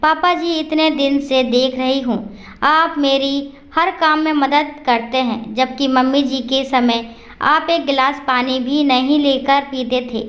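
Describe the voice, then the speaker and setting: A woman's voice: high voice, steady tone, measured pace, fairly bright tone. A woman voicing a hesitant, respectful young daughter-in-law in a storybook reading.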